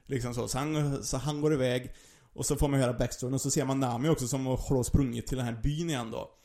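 A man's voice: mid-range voice, fairly even intonation, dark tone. A man in casual chat, retelling a story with many restarts and fillers. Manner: halting, repeats words, many fillers. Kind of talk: casual chat recapping an anime.

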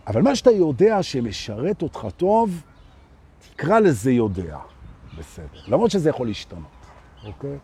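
Man, spiritual teacher, live talk: husky, dark voice, rhetorical, melodic swings. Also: medium pitch. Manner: rhetorical, keeps asking "right?"; lively, swings between loud and soft. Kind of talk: live spoken talk to an audience. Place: outdoors with street noise.

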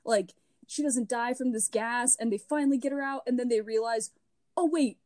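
A woman's voice: a little high, steady tone, brisk, a little mellow. Joking woman co-hosting a film podcast. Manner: joking, sarcastic asides. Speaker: podcast co-host. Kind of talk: casual film review chat.

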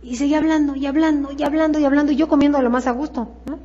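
A Mexican woman with a high voice runs a sales seminar, hammering her points home with repetition and rhetorical questions. The recording sounds dull and lo-fi. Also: steady tone, rapid-fire, dark tone. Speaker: sales trainer. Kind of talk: motivational seminar talk.

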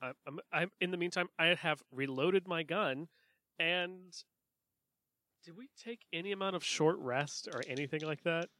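A man with a slightly high, bright voice, recorded close and dry. He plays a tabletop game casually, stumbling and restarting his sentences. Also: dry recording. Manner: halting, stammering. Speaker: player.

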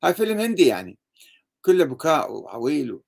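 Sarcastic Iraqi man, slightly high voice. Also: sing-song, quick pace, vocal fry. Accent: Iraqi Arabic. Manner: sarcastic, fires rhetorical questions. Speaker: religious critic. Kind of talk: critical lecture.

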